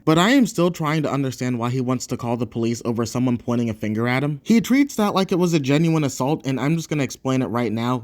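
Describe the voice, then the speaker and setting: A man giving casual reaction commentary as a video host, sarcastic and mocking. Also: mid-range voice.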